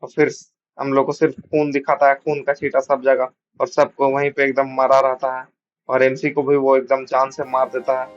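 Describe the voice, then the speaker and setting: Male recap narrator, colloquial storyteller, monotone, muffled home recording. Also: medium pitch, dry recording. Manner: colloquial, repetitive, rushed retelling.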